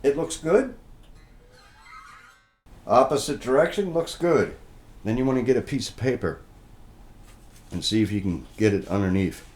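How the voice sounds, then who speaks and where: In this casual hands-on product walkthrough, a man who reviews guitars inspects one and explains every check in turn, folksy and plainspoken. His voice sits on the low side, with a darkish tone and a normal pace.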